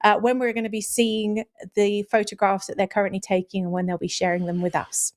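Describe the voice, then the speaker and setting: Woman hosting a livestream, mid-pitched voice. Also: little pitch movement, fairly quick. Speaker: livestream host. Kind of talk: live commentary, casual chat with viewers.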